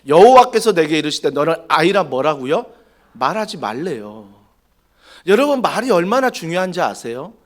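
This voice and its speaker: A man's voice: on the high side, big pitch swings, moderate pace. A male pastor preaching a sermon in a church, acting out quoted lines and questioning the congregation. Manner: dramatic, acts out quoted dialogue, asks the congregation questions.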